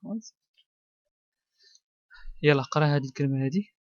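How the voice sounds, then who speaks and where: In a one-on-one reading assessment, a Moroccan man who teaches primary school patiently urges a child along, repeating words slowly in a mix of French and Arabic. His voice leans high, there's no room sound, and the audio is dull, dry and lo-fi.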